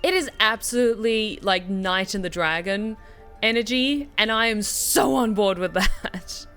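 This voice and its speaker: A chatty, expressive woman giving casual live commentary as she plays a game. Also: mid-range voice, unhurried, clear, resonant tone. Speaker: game streamer and author. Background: game music.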